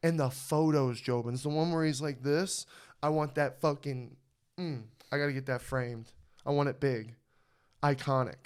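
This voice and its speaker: Young male podcast host: smooth tone, excitable, profane sports-fan chatter. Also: mid-range voice, moderate pace. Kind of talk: casual chat.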